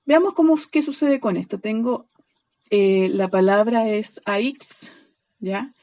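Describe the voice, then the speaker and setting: A Greek teacher with a mellow, mid-range voice leads a recorded online class. She patiently spells out word endings and tacks a quick "ya?" onto nearly every line.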